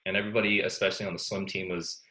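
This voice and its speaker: A young man from Canada answers questions as an interview guest, his voice sitting very low. He talks in a soft-spoken, easygoing way, often pausing with ums as he thinks. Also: flat delivery, rough recording. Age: young adult. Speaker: student athlete guest.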